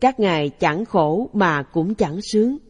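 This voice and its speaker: A woman reading a Buddhist dharma talk aloud in a calm, even, measured way. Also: lowish voice, slightly rough. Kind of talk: slow read-aloud Buddhist sermon. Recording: long hall reverb.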